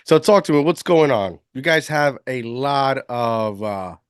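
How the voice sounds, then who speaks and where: A man's voice: mid-range voice, a little slow, clean tone, dry recording, clean studio sound. A man from Puerto Rico hosting a podcast interview, enthusiastic and often restarting his sentences. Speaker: podcast host. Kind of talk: casual interview chat.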